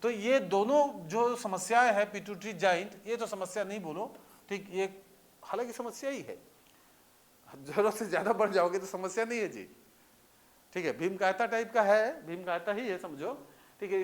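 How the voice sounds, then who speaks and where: A man with a high, expressive voice gives a classroom lecture at a moderate pace. His style is conversational, and he keeps asking questions to make sure students understand.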